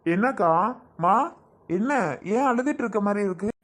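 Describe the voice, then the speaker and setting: A man playing a kind younger brother in a family drama skit, speaking in a calm, reassuring way. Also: sits high, normal speed. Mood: concerned.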